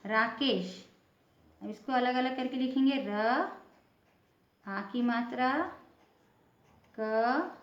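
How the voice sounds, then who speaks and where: A woman's voice: a little high, drawn-out words, pauses often, roomy sound, highs cut off. A woman teacher giving a patient lesson, spelling words out letter by letter.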